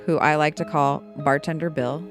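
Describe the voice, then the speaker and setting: A woman's voice: low-pitched, steady tone, moderate pace, soft background music. A middle-aged woman, hosting a podcast and telling stories in a playful, jokey way. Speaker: podcast host. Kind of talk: casual storytelling chat.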